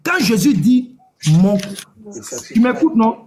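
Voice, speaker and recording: Man, high voice, pushy, repeats himself, heated debate. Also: takes it slowly, slight background noise. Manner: pushy, repeats demands, tells the other to calm down.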